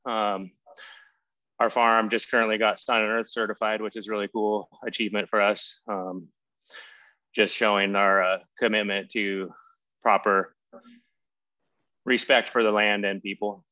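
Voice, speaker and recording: Winded man, low monotone, bright tone, rambling intro on a video call. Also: a little slow, pauses often, no room sound, dull audio. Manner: casual, rambling. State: out of breath after exercise. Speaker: farm co-owner, co-op member. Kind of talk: casual online meeting.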